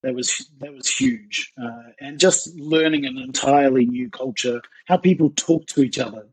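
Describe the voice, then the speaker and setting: A middle-aged man, talking in a relaxed and rambling way as a podcast guest. His voice has a husky edge, and the recording is close and dry, with no room sound. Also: medium pitch, dry recording, low-quality recording. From New Zealand. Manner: outgoing, talkative, rambling. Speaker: podcast guest, ministry worker. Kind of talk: casual interview chat.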